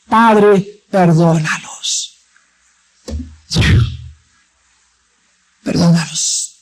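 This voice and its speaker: A man preaching a sermon in a church, dramatic, acting out quoted voices and moving between loud and soft. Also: very high-pitched, slight background noise, rough recording.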